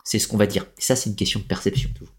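A man's voice: lowish voice, very fast. A man hosting a live stream, explaining at length and answering viewers' chat comments, often hesitating and restarting his sentences. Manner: digressive explainer with frequent hesitations.

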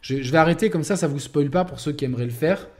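A man's voice: fairly high pitch, quick pace, darkish tone. A man reviewing a video game in a casual, rambling way, often restarting his sentences. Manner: rambling, many restarts and fillers.

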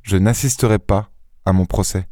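A man reading a story aloud, voicing a suave, witty gentleman-thief who talks in a playful, ironic and airy way. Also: medium pitch, moderate pace, dry recording, studio quality, natural voice. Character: suave witty male gentleman-thief, mocking and self-assured.

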